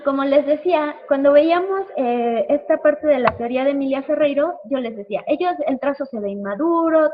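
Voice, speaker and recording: A woman giving a chatty, informal lecture on early childhood teaching, repeating words for emphasis and tagging "sale" onto her sentences. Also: fairly high pitch. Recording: slightly dull lo-fi recording.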